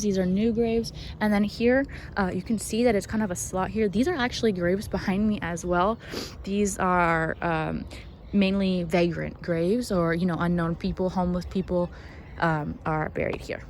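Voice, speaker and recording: A woman filming herself on foot outdoors in a casual vlog, talking into a handheld camera. She is excitable and swears freely, often dropping to a whisper mid-sentence. A faint outdoor hiss sits under her voice. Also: mid-range voice, moderate pace. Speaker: vlogger. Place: outdoor cemetery, walking.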